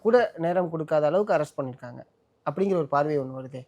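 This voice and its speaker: A man's voice: a little high, fast, a little mellow, muffled recording. A man interviewing a guest, probing and pushing back on the answers. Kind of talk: casual Tamil interview questioning.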